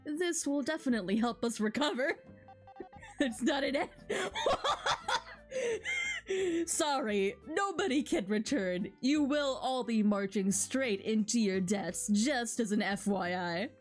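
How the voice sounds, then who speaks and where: A woman streaming a video game reads the dialogue aloud with casual remarks, her giggly delivery often cutting her words apart. Her voice is fairly high and very animated, though slow. Game music plays behind her voice.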